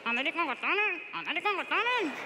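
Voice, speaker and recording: A woman ventriloquist with a Spanish accent voicing a squeaky, excitable caller on the phone. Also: very fast. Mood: excited, insistent. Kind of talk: ventriloquism stage act. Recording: echoey stage hall.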